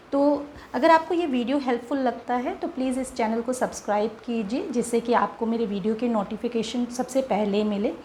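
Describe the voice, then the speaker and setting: A woman's voice: on the high side, darkish tone, slight background noise. A woman teaching a phonics lesson, patiently sounding out letters one by one and explaining to parents how to practise with children.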